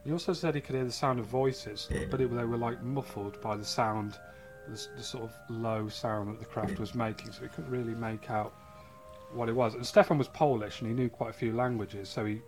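A man hosting a casual podcast, telling a case and reading quotes aloud with halting restarts. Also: mid-range voice, steady tone, a little mellow, faint music behind.

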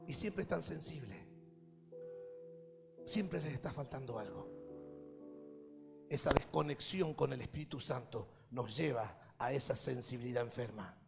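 A male pastor delivering a Sunday sermon, shifting between quiet reflection and impassioned, emphatic preaching. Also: mid-range voice, unhurried, creaky, long pauses, over music. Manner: impassioned preaching that swells to loud emphatic peaks. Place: church service.

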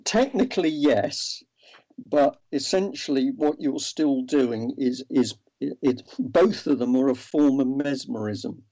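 A man's voice: medium pitch, measured pace, warm tone. A man, a guest in an interview, explaining earnestly with many ums and restarts. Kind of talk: interview over a remote line. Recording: dull lo-fi audio.

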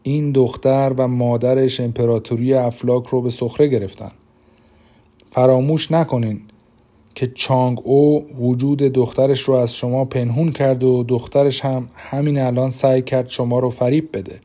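A man's voice: mid-range voice, level tone, dark tone, close to an everyday voice. A man doing a silky, scheming court minister. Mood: insinuating. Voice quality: velvety. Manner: persuasive, courteous. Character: scheming male court minister, smooth and flattering.

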